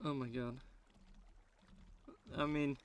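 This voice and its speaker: A man's voice: mid-range voice, level tone, slow pace, a little hiss or hum. A man from Sweden with a Swedish accent, a native Swedish speaker, rambling in casual reaction commentary with broken English and many restarts. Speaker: streamer reacting to a video.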